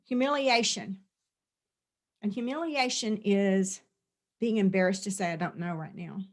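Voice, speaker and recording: Unhurried and mid-range, the voice belongs to a middle-aged woman who works as a spiritual teacher. She talks earnestly through a release session, returning again and again to repeated and listed phrases.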